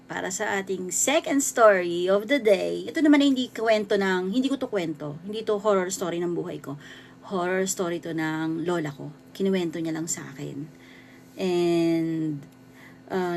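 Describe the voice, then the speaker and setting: A woman in her thirties from the Philippines, telling a true horror story in a casual, halting way with many restarts. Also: lowish voice, creaky, a little hiss or hum. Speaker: vlogger.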